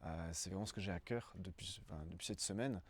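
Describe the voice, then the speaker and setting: This young man from Brussels, Belgium, in his twenties, speaks quickly in a deep voice. He gives a casual interview testimony, hesitating and often groping for the right words.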